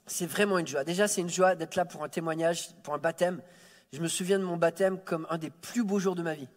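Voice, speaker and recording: A Frenchman guest-preaches a Sunday sermon in a church sanctuary, joking warmly at his own expense and stammering repeated words as he restarts. His voice is a little high with a steady tone, and he speaks a bit fast. The hall is reverberant.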